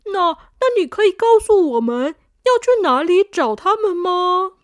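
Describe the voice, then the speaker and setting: An eager little piglet girl from a children's storybook, high and bouncy, as a woman puts her on. She asks things politely and with excitement. The sound is dry and close. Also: unhurried, dry recording, exaggerated voice.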